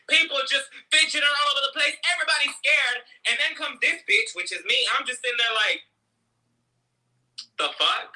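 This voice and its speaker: A woman delivers a loud, profane rant into a desk camera. Her voice sits high and sounds sharp and very bright, full of dramatic outrage. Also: poor audio. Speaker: ranting storyteller. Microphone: desk camera mic.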